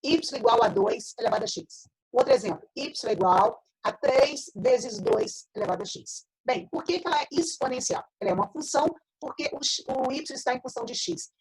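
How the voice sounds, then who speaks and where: A woman's voice: sits high, very animated, moderate pace, few pauses, breathy edge, rough recording. A Brazilian woman teaching a math class online, her voice breaking up into choppy, robotic video-call audio as she explains step by step. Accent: Brazilian Portuguese. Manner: explains step by step, checks in with tag questions. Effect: choppy, robotic, glitching video-call audio.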